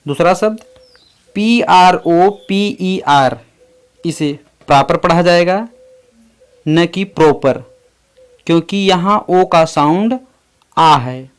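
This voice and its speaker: A man teaching English pronunciation, spelling out words letter by letter in a slow, deliberate way. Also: sits high, clean tone. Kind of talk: explaining English pronunciation in Hindi.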